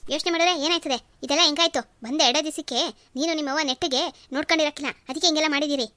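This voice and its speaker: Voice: high voice, steady tone, racing, background noise, lightly acted. One performer voicing a scolding young husband. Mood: accusing. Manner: accusing, scolding. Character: angry young husband scolding his in-laws. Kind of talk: cartoon voice acting.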